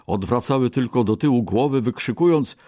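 A man slowly reading a children's animal story aloud with lots of expression. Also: medium pitch, mellow, no room sound, clean studio sound.

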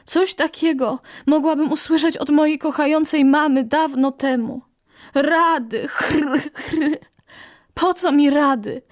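A woman voicing a brave little parrot, hoarse and coughing from smoke, in a storybook reading. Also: high-pitched, takes it slowly, pitched above the performer's own voice. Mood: defiant. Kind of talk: storybook narration.

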